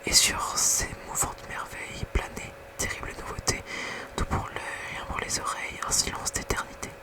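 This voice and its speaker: A very quiet, night-time whisper reading poetry softly in an ASMR bedtime style. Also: moderate pace. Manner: hushed bedtime reading with casual whispered asides. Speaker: ASMR reader.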